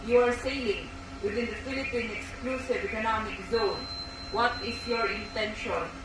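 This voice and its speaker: Woman's radio challenge over marine radio. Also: a little high. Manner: measured, repetitive official phrasing. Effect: marine radio transmission. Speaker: coast guard radio operator. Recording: echoey, distant, noisy marine radio.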